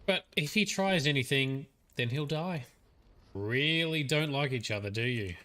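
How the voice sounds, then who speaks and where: Game audio plays behind an Australian man who livestreams himself gaming, tossing out casual, sweary jokes as he goes. His mid-range voice is pushed and bright, at a measured pace. The stream sound is noisy.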